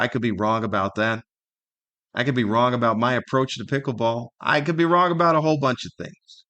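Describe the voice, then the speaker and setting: Rambling casually through his solo podcast, a middle-aged American comedian occasionally acts out imagined remarks. His mid-range voice has a slightly bright quality.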